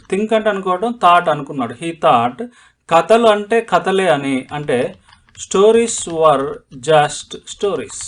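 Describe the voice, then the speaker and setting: A man's voice: a little high, fairly bright tone. A man with a Telugu accent teaching a language lesson, explaining each word and repeating phrases as he dictates them. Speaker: English teacher. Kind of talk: slow step-by-step language lesson.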